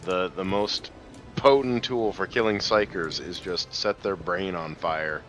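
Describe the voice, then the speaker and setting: A man's voice: low voice, unhurried, fairly bright tone, a little hiss or hum. A man chatting casually and reactively as he plays a co-op game with friends. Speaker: player in a co-op game session. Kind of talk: casual gaming chat with some read-aloud narration.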